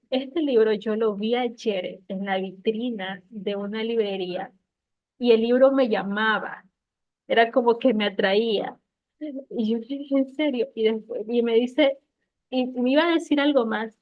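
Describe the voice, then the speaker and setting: A woman's voice: on the high side, dry recording. Woman telling a testimony over a tinny call. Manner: heartfelt, storytelling with many fillers. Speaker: member sharing a testimony. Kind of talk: casual testimony at a prayer meeting. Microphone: online call. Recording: tinny phone-like call audio, dry.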